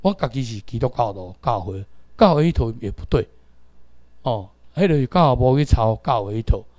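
A man's voice: mid-range voice, animated, brisk, darkish tone, no echo. A middle-aged man with a Taiwanese accent teaching a class, lecturing and calling out drill commands for the students to repeat.

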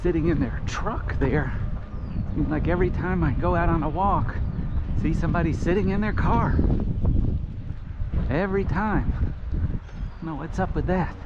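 A man's voice: fairly high pitch, a little slow, long pauses. Chatty middle-aged man vlogging on a walk. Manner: chatty, offhand remarks while walking. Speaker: walking vlogger. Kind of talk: casual walking commentary. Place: residential streets outdoors. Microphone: action camera held or worn. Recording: dull lo-fi outdoor audio with traffic noise. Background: street and traffic noise.

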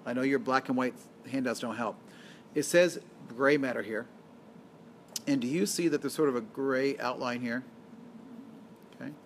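A man's voice: medium pitch, slight background noise. Man lecturing on biology, quizzing his class. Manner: asks the class questions and answers them himself; explains step by step and corrects himself. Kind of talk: recorded lecture screencast.

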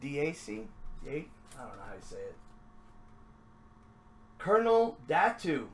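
Man, casual card-opening chatter, slightly high voice, faint hum behind. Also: big pitch swings, unhurried. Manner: chatty, upbeat, drops into mumbling asides. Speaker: card break host.

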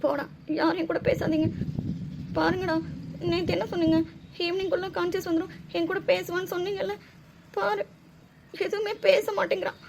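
Woman acting grieving mother, Tamil accent, pleading, tearful, high-pitched, cartoon dub. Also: level tone, normal speed, gravelly, pauses often, noisy background. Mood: distraught. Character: grieving mother at a hospital bed.

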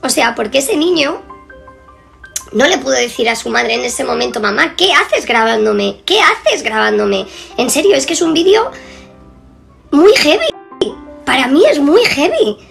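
High-voiced woman with heavy vocal fry. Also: sing-song, moderate pace, pauses often, faint music behind. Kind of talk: emotional video commentary.

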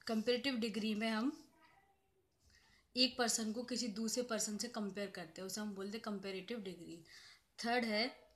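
In this grammar lecture, a woman professor speaks at a medium pitch with calm, even delivery. Walking through the rules one step at a time, she stretches out her examples, says them again, and blends English terminology into what she explains.

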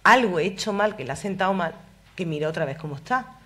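A woman's voice: on the low side, lively intonation, fast talker, sharp tone. A woman voicing an anxious teenage girl who tries to please her boyfriend, talking in an apologetic, placating way.

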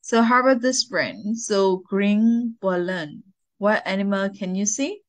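A woman with a Burmese accent teaching an English grammar lesson, patiently asking questions and repeating words slowly. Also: medium pitch, animated.

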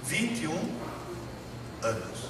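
Humorous man lecturing in an echoey hall. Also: slow pace. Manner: humorous, animated, questions the audience. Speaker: speaker at an education talk. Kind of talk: lecture to a live audience. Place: large hall. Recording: echoey hall, distant mic, noisy.

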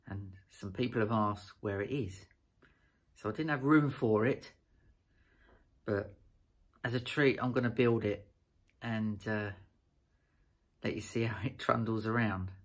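A middle-aged British man chatting casually as a vlog co-host, with a husky voice, at home. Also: lowish voice. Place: living room at home.

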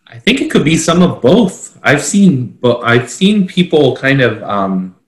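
A consultant in his forties informally explains a standard, reading requirements aloud haltingly and repeating words. His mid-range voice swings widely in pitch. He's on a video call from a small indoor office, picked up by a computer microphone in an echoey room.

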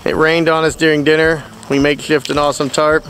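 A middle-aged man vlogging outdoors on a river with a phone held at arm's length, relaxed and upbeat, full of fillers. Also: fairly high pitch, quick pace, a little hiss or hum, poor audio. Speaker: outdoor instructor. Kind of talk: casual vlog narration.

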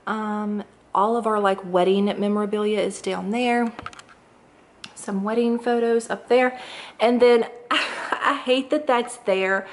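A woman's voice: medium pitch, fairly even intonation, takes it slowly, slight background noise. A young woman, chatting casually and upbeat while showing her home on a handheld camera. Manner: chatty, upbeat, lots of fillers. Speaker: lifestyle vlogger. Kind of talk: casual home tour chat. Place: large home kitchen and dining room, indoors. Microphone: handheld camera mic.

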